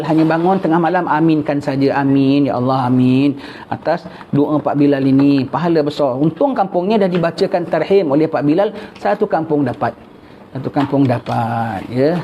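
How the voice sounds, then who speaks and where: Folksy older man teaching religion, lo-fi. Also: fairly high pitch. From Singapore. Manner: conversational, folksy, mixes in Javanese and Arabic phrases. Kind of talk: kitab study lecture. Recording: dull lo-fi recording with faint noise.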